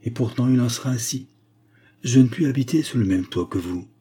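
A man voicing a calm, gentle young Venetian noblewoman in an audiobook reading, speaking softly and earnestly. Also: mid-range voice, a little fast, slightly rough, close to an everyday voice. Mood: tender.

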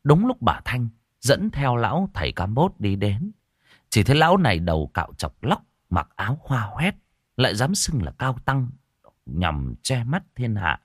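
A man narrating a spooky audio story in an expressive way, swinging between hushed and raised tones. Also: mid-range voice, normal speed, breathy edge, no echo, clean studio sound.

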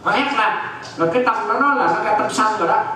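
Monk teaching dharma, high animated voice, heavy echo from a distant mic. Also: male voice, fast talker, a little hiss or hum. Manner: keeps checking that listeners follow, repeats phrases. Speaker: Buddhist monk teaching Abhidhamma. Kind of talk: dharma lecture. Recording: very echoey hall, distant mic.

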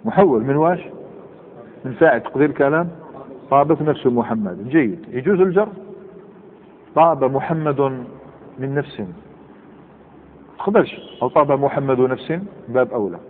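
A man teaching a grammar lesson, explaining rules, repeating examples slowly and checking that his students follow. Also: mid-range voice, slight background noise. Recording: phone-like sound in a reverberant hall.

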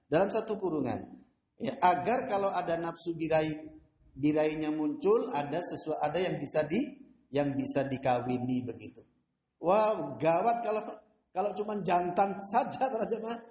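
Preacher guy, high voice, lots of laughing and acting out stories, echoey mosque. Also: slight background noise. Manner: animated storytelling, laughs often, mimics voices. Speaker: Islamic preacher. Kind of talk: mosque study lecture.

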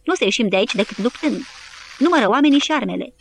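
A woman's voice: on the high side, animated, slight background noise, pitched above the performer's own voice, low-quality recording. A woman voicing a stubborn male army captain who speaks through gritted teeth in an audiobook. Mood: defiant. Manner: gritted, defiant.

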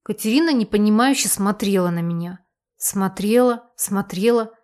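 A woman narrating a humorous first-person detective story in a lively storytelling manner. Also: mid-range voice, moderate pace.

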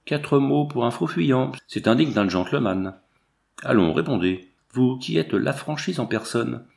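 Male reader doing a quick-witted young woman, teasing and mystical, gravelly read. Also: mid-range voice. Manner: teasing, lively retorts.

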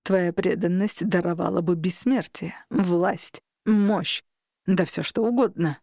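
A woman's voice: takes it slowly, creaky, mellow, dry recording, clean studio sound, heavily acted. A woman voicing a hissing male incubus. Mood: menacing. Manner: hissing, low and menacing.

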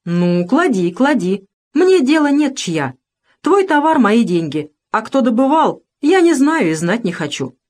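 A woman's voice: on the high side, very animated, unhurried, darkish tone, voice pushed up. Woman doing a sneering rich merchant guy, bossy, voice jumps around a lot. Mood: dismissive. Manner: scornful, bossy. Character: greedy sneering male fur merchant.

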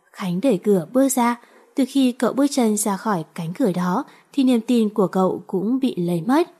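A woman narrating a romance novel in a steady, even storytelling manner. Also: mid-range voice, slightly rough. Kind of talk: audiobook reading of a romance novel.

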